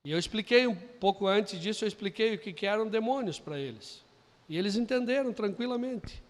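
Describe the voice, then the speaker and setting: A Brazilian man preaching a sermon, telling a story quietly and then building to loud, emphatic preaching. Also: high voice, fairly quick. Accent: Brazilian Portuguese. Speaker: pastor. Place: church hall. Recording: long hall reverb.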